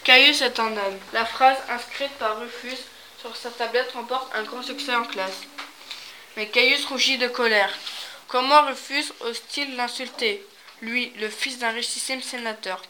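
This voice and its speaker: A woman presenting a book summary in clear, measured scripted narration. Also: a little high, steady tone, pushed and bright, a little hiss or hum, rough recording.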